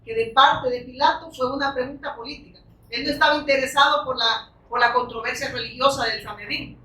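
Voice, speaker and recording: Woman preacher, bright higher voice, delivering a fervent sermon; recorded from a distance in a reverberant church. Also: fairly even intonation, brisk. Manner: fervent, frequent rhetorical questions and amens. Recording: echoey room, distant from the mic.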